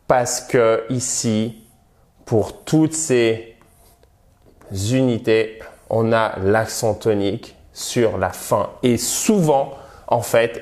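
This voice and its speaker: Male language teacher, measured slow delivery, mid-pitched, precise stress when modelling words. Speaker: English teacher. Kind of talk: online language lesson.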